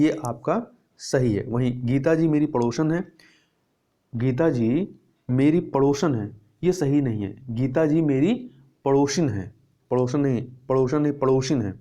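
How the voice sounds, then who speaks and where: A man's voice: medium pitch, dark tone, lo-fi sound. A man teaching Hindi grammar, going through test answers and repeating words to stress the correct spelling.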